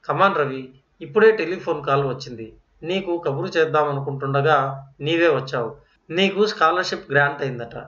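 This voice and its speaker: A man voices a principled older professor, firm and fatherly in every word. The voice sits a bit high. The recording is roomy and dull, like a lo-fi audio story. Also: normal speed, fairly bright tone, lightly acted.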